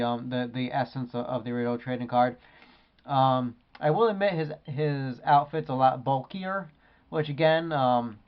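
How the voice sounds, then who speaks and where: A medium-pitched man, heard with the highs cut off, reviews an action figure as a toy collector. He rambles casually and hesitates a lot.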